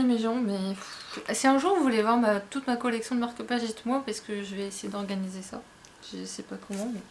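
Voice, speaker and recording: A woman's voice: on the high side, a little hiss or hum. A young woman chatting casually to camera while unboxing a book box at home, with lots of fillers and restarts. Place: at home, indoors.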